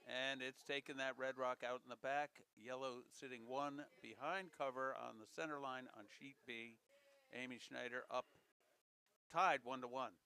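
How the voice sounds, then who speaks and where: Bright-voiced man calling curling. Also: medium pitch, steady tone, unhurried, smooth, low-quality recording. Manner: folksy, jokey play-by-play with repeated calls. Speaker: curling commentator. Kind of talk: live sports commentary, casual and chatty.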